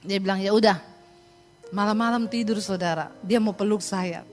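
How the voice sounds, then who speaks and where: A middle-aged woman preacher telling personal stories in a sermon, lively and laughing as she addresses the congregation. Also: mid-range voice, moderate pace, faint music behind.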